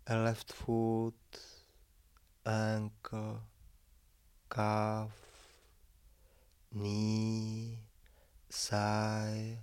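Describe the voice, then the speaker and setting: A man guiding a relaxation meditation, giving calm, measured instructions in short phrases with long pauses between them. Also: lowish voice, clear, resonant tone, dry recording.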